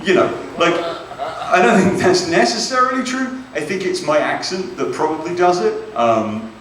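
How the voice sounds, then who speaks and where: A British man performing stand-up on a club stage, chatty and self-mocking, with a slightly high voice. The sound is very echoey and comes from some distance away, with a faint hum of room noise behind him. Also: animated, moderate pace, a bit bright. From Britain. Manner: chatty, self-deprecating, keeps asking "right?". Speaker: stand-up comedian. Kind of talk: stand-up comedy set. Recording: echoey club, mic heard from afar.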